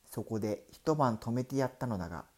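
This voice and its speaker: A man playing an older temple monk who calmly explains in a Japanese folk tale. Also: mid-range voice, a little fast, lightly acted. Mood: explaining.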